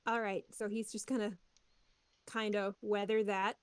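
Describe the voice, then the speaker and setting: A woman's voice: mid-range voice, level tone, a little slow, clean tone, no echo. A woman player in a tabletop game, chatting casually and eagerly encouraging the others.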